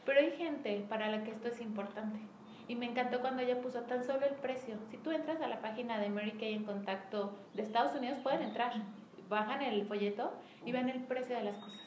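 High-voiced animated Mexican woman. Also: a little fast. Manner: animated, acts out quoted dialogue with lively shifts. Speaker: Mary Kay sales director leading a team meeting. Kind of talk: casual motivational talk to a group. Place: room with a small group present. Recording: echoey room, faint background noise.

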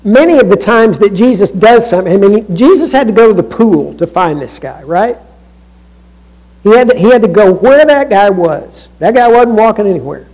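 Man, pastor, church sermon, high voice, chatty delivery with asides, dips to hushed lows. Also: lively intonation, moderate pace, rough recording. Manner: conversational, with many restarts and asides; swings from raised emphasis to near-hushed lows.

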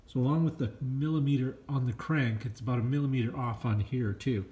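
This vlogger speaks a little fast in a mid-range, dark-toned voice with fairly even intonation and a smoker's scratch. In his indoor garage, he rambles through a car repair with many fillers while handling parts, shooting on a handheld phone.

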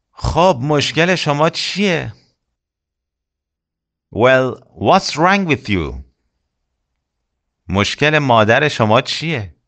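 A man's voice: fairly low pitch, a bit bright. Persian-speaking man teaching English phrases. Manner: slow, careful model sentences between quick explanations. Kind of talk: language lesson.

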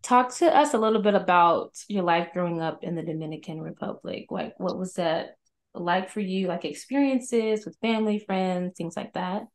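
A woman's voice: lowish voice, normal speed. A young woman hosting a podcast over a video call on headphones, upbeat and chatty, often saying "like". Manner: upbeat, chatty, uses "like" a lot. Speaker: podcast host. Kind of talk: casual interview chat. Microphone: over-ear headphones, video call.

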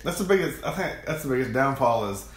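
A young man co-hosts a casual gaming chat on a gaming channel, speaking fast and expressively at a medium pitch, rambling enthusiastically and often repeating words. He's at home with games on the shelf behind him, and the room sounds echoey.

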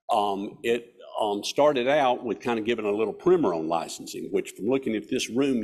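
A man in his sixties with a Southern mountain Appalachian accent, giving a folksy, self-deprecating, informal club speech in a husky voice. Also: fairly low pitch, darkish tone. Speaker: guest speaker. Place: hall stage at a podium. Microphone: podium microphone.

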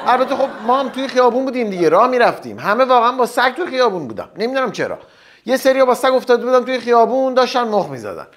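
A man's voice: extremely high pitch, very animated, a bit bright. A man hosting a comedy show, delivering a stand-up monologue and teasing the audience with jokes. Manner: teasing, joking banter with the audience.

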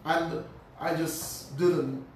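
A man, a pharmacist telling his life story as a radio guest, animated, restarting and repeating words. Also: a little high, drawn-out words, far from the mic. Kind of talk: personal storytelling in a radio interview. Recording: very echoey room, voice from off-mic, faint noise.

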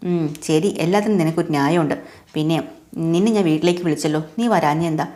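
A woman's voice: low-pitched, fast talker, warm tone, natural voice. A woman voicing a sulky, demanding young man who talks in an accusing way.

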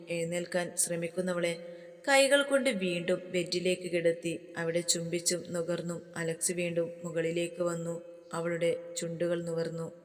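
A woman narrates a romance story in a soft, steady storytelling voice. Her voice sits low. A long hall reverb trails each sentence.

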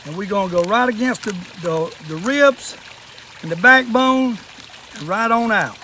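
An older Southern American man with a notably high voice for a male speaker. He has the folksy, plainspoken way of an old fisherman showing how a job is done. He is recorded outdoors, with clear background noise around his voice. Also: expressive, measured pace, sharp tone. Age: older, 60s or above. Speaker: fishing and fish-cleaning demonstrator. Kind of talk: casual hands-on how-to demonstration. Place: outdoors in a wooded yard at a table.

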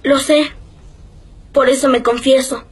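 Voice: high voice, steady tone, a little slow, husky, full character voice. A child actor playing an earnest altar boy, confessing solemnly in a confession booth in a film drama. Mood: contrite.

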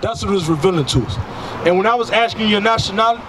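Street traffic and passing cars fill the background as a man in his thirties preaches outside into a handheld mic. He speaks quickly in a high-pitched voice, emphatic and packed with rhetorical questions.

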